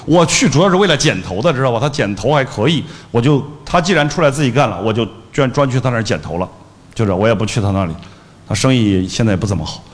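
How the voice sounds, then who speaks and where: A middle-aged man giving a lively business lecture, telling anecdotes bluntly and acting out the dialogue. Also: medium pitch, quick pace. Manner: animated storyteller acting out dialogue; blunt colloquial speech. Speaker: business trainer. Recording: long hall reverb.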